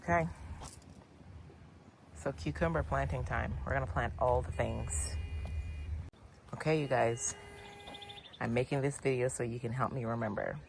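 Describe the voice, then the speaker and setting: A gardening channel host chatting excitedly to viewers while planting in a backyard garden. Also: mid-range voice, unhurried, gravelly, pauses often, slight background noise. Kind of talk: casual gardening vlog.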